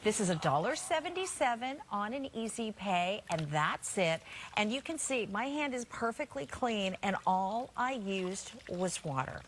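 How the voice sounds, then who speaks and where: A woman's voice: mid-range voice, animated, unhurried, a little hiss or hum. A woman talking as a home shopping host, with enthusiastic, informal sales patter that repeats the selling points while demonstrating.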